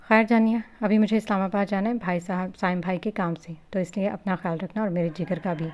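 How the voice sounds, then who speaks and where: A woman's voice: medium pitch, fairly even intonation, brisk, darkish tone, lo-fi sound, natural voice. A woman reading the part of an affectionate, joking young husband in a storybook reading.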